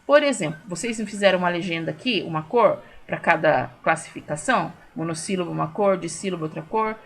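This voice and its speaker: A woman with a Brazilian Portuguese accent, a primary school teacher recording a class for young children, who explains slowly and patiently and stretches words out to sound out their syllables. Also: fairly low pitch, gravelly.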